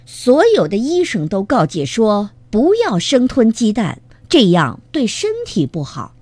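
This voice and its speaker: A woman doing a calm reassuring mother hen. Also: medium pitch, a little slow, no room sound. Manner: soothing, reassuring.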